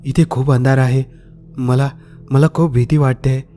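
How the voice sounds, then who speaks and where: A man's voice: medium pitch, level tone, unhurried, warm tone, faint music behind, natural voice. A man voicing a desperate, trembling ghostly woman who is trapped and pleading in a horror story. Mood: frightened pleading.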